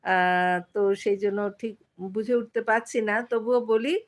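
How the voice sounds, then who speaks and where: A middle-aged woman from West Bengal hosting a casual live stream. She chats with viewers, uses many fillers and pauses often to read out their comments. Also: on the high side, fairly even intonation.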